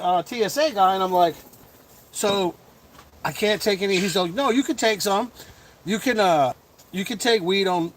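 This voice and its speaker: A middle-aged man hosting a casual livestream chat as a comedian, rambling with lots of fillers and quick chuckles. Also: sits high, a bit bright, slight background noise. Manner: chuckling, full of fillers and restarts.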